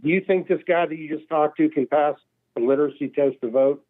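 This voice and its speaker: A man's voice: on the high side, fast talker. A man calling in to a radio show over the phone, rambling and hedging with lots of fillers. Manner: rambling and full of hedges. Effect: heard over the phone. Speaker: caller. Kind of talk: call-in radio chat. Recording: narrow phone-line audio.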